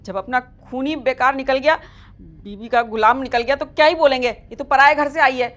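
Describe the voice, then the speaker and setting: A woman's voice: high-pitched, a little fast, fairly bright tone, lo-fi sound. A woman playing a mother-in-law who complains to her son about his rude wife in a family skit. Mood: complaining. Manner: pleading, complaining.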